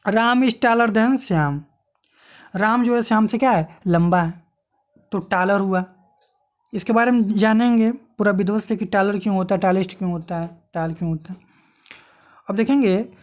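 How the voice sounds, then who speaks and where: A woman's voice: medium pitch, a little mellow. Woman w doing a grammar lesson, patient, keeps asking then answering herself. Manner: explains patiently, asks and answers her own questions. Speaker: teacher. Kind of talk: exam-prep grammar lesson.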